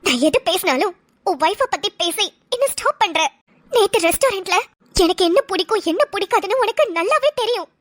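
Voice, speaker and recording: A woman's voice: very high voice, expressive, a little fast. A woman voicing a jealous young ex-girlfriend in a cartoon, whiny and pleading. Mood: bitter. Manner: whiny, pleading, self-pitying. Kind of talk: cartoon dialogue.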